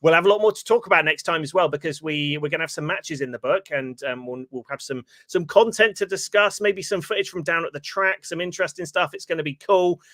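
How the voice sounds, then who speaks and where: Casual male host, slightly high, bright tone, relaxed banter. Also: fast, few pauses, no room sound. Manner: chatty, laughs easily. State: tired. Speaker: podcast host. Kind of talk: casual live-stream chat.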